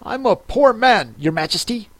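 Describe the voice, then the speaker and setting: A man voicing a nervous, rambling male hatter who speaks in a trembling, hurried way. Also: very high voice, very animated, no echo, pitched above the performer's own voice, full character voice.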